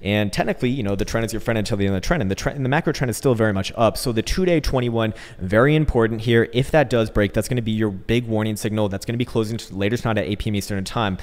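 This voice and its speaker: A man's voice: on the low side, very fast, few pauses, darkish tone. A man giving casual, rambling market commentary with jokey, coarse slang, recorded in a bare echoey room like a warehouse. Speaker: host of crypto trading channel. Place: indoors, untreated hard-walled room.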